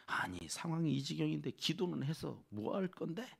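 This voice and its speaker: A man voicing a devil who whispers taunts into a believer's ear, speaking in a low, coaxing murmur. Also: big pitch swings, normal speed, creaky, breathy edge, exaggerated voice. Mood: taunting.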